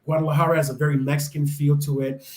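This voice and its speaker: In a casual interview, a young adult American man talks fast and enthusiastically, though his delivery is flat, with plenty of fillers and restarts. His voice is a little high with a darkish tone, and the echoey recording has a little hiss or hum.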